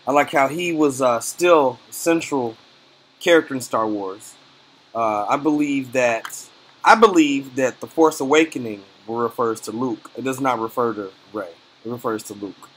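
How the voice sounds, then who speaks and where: A man's voice: mid-range voice, moderate pace, breathy edge. Rambling man giving a casual film review. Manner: rambling, loose and conversational, lots of fillers; uneven loudness, trailing off quietly at phrase ends. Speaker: movie reviewer.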